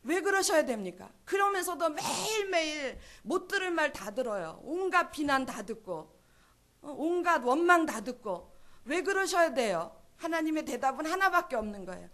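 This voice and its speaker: A woman's voice: high-pitched, sing-song, normal speed, fairly bright tone. A woman preaching a sermon at a church service, emphatic and full of rhetorical questions. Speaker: pastor's wife preaching.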